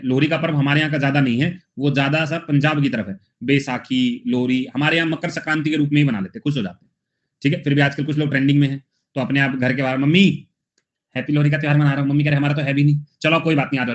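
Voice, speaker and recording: Chatty teacher from Haryana. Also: male voice, fairly high pitch, lo-fi sound. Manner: chatty, acts out little scenes in funny voices. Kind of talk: exam-prep lesson with memory tricks.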